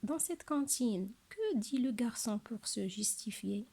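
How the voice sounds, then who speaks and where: Slow, husky French-speaking teacher woman. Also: on the high side, animated, dark tone. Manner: slow, careful, repeats each word twice. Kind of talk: recorded lesson for young pupils.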